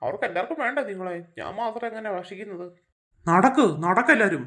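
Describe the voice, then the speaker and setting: A woman voicing a hungry, bossy chimpanzee creature who talks slowly and low while giving orders in a kids' drama. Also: expressive, a crowd in the background, close to an everyday voice. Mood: menacing. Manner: slow, low, commanding. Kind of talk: Malayalam kids' fan drama.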